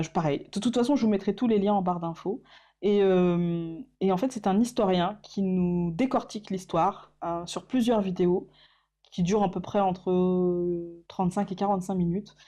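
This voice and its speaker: Her voice mid-range and mellow, a woman YouTuber talks casually about channels she loves, stumbling through fillers and restarts and laughing at her own hesitation in this vlog chat.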